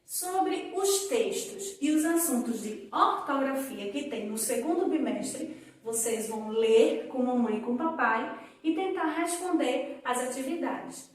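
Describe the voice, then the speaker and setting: A woman teaching young children in a recorded lesson, drawing out example words slowly for them to repeat. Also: sits high. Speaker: primary school teacher. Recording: echoey room, voice from a distance.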